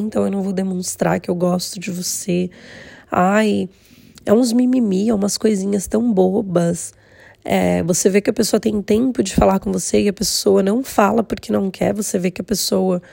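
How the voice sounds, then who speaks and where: A Brazilian woman hosting a candid, confessional vlog, talking casually and reflectively with the slightly hoarse voice of an inflamed, swollen throat. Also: medium pitch, warm tone, no room sound. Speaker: vlog host.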